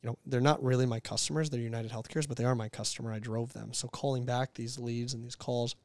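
Fast-talking candid man in his thirties. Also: mid-range voice, no echo. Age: 30s. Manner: candid, animated, with restarts and acted-out quotes. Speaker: entrepreneur guest. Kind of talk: casual interview talk.

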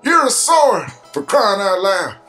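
A high-voiced young male game adventurer , played by a man, swinging widely in pitch. He is excitable, bewildered and exclaiming, over game music. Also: slow pace, full character voice. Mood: incredulous. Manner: incredulous, exclaiming. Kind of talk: amateur voice acting of game dialogue.

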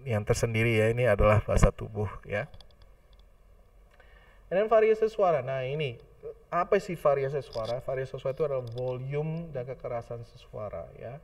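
A man's voice: medium pitch, dry recording, recorded from a distance. Man lecturing, set back from the mic. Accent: Indonesian. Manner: mixes English phrases into Indonesian, many fillers. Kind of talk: online class lecture.

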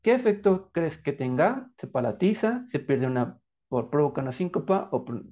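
A man's voice: on the high side, expressive, normal speed, warm tone. Encouraging Mexican male teacher, dull recording. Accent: Mexican Spanish. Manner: encouraging, answers his own prompts, praises the viewer. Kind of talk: quiz-style lesson narration.

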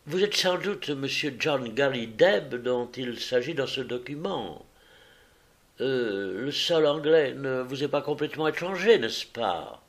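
A man voicing a calm, sharp-eyed detective who speaks in a patient, precise, polite way in an audiobook. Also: mid-range voice, unhurried, voice pushed up. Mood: composed.

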